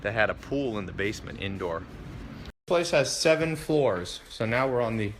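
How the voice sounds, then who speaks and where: A man's voice: on the low side, expressive, moderate pace, slight background noise. A man hosting a casual vlog, joking and quizzing friends on a night out. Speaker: vlog host.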